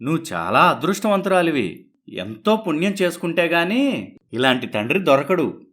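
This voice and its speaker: A man's voice: a little high, big pitch swings, moderate pace, a bit bright. A man voicing a cheerful family doctor in a cartoon story, hearty and reassuring. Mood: lecturing. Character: cheerful family doctor, father's old friend.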